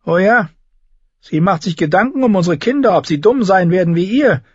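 A man's voice: sits high, animated, normal speed, slightly rough, no room sound, highs cut off, pitched above the performer's own voice. A man voicing a cruel, petulant teenage boy king who bullies and commands. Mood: sneering, bullying. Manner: sneering, bullying, commanding.

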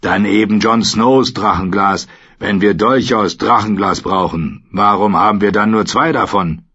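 A man voicing a gruff, stern old commander who barks his orders, in an audiobook reading. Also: fairly low pitch, a little slow, sharp tone, muffled recording, full character voice. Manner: gruff, barking.

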